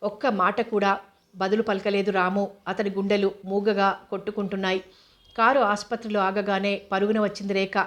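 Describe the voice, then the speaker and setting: A woman narrating a novel with a steady storytelling manner. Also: mid-range voice, moderate pace. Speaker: audiobook narrator.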